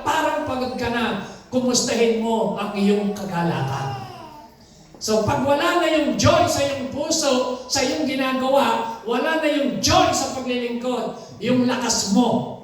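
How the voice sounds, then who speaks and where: A man with a Filipino accent preaching a sermon, reading scripture aloud and calling for amens. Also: very high voice. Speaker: pastor. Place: church hall. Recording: echoey hall, voice from far off.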